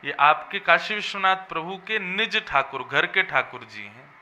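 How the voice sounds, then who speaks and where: A man's voice: high voice, lively intonation, moderate pace, bright, forceful tone, a little hiss or hum. A man giving a devotional sermon as a religious storyteller, preaching in an emphatic, melodic way. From Vrindavan region.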